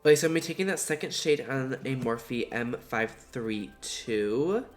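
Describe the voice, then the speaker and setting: A man's voice: mid-range voice, lively intonation, moderate pace, faint music behind. A man with a stuffed-up, nasal voice, chatting in a gushing, slangy way as he reviews makeup in a vlog. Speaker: beauty vlogger.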